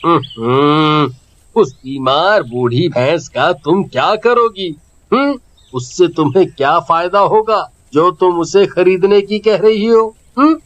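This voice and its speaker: A man's voice: high-pitched, fairly bright tone, dull audio. A man voicing a greedy, scheming old village merchant in a cartoon story, humming and grumbling with scorn. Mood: scornful. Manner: grumbling, drawn-out hums, scornful.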